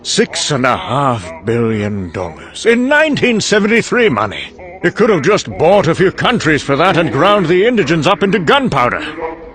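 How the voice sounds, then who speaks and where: This time the same cynical British scientist, still briefing his American colleague in a motion comic, is voiced higher and a bit brighter, very animated at a moderate pace. The mood turns mocking as he muses drily and wearily, trailing off into asides.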